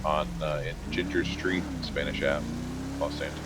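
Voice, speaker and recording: A man's voice: extremely low pitch, steady tone, moderate pace. A man playing a police officer in an online game, calling in over the police radio in clipped calls with hesitant fillers. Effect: police radio transmission. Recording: noisy distant radio channel.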